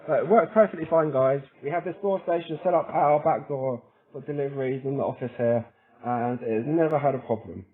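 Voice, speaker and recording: A man with a medium-pitched voice talks fairly quickly, walking the listener through a casual how-to tutorial. He keeps it chatty and informal, often checking in as he explains each step. The audio is thin and narrow-band, like a phone line.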